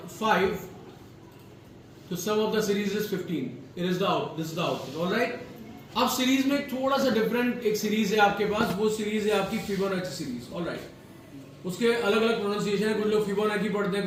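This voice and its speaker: In a classroom, a high-pitched man teaches programming, blending Hindi with English and asking his students questions along the way. The mic is distant, the room very echoey, and there is faint ambience plus a little hiss or hum.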